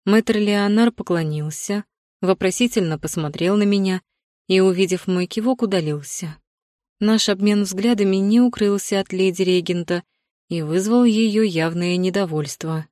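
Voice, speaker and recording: A woman narrating a fantasy novel in the first person with an even, composed delivery. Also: mid-range voice, normal speed, dry recording, studio quality. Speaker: audiobook narrator.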